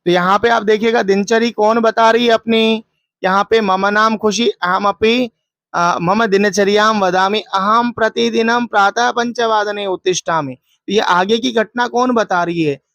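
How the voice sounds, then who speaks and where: A woman's voice: medium pitch, fairly even intonation, fairly bright tone, no room sound. Woman teacher walking through exam answers. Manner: asks and answers her own questions; recites verses in a slow chant. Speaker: Sanskrit teacher. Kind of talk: exam paper walkthrough lesson.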